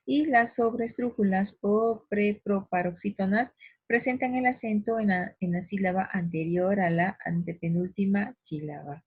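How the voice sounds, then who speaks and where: A woman teaching a grammar lesson, patient and explanatory, slowing down to stress syllables and speaking directly to the listener. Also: mid-range voice, no echo. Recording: dry phone-like recording, husky.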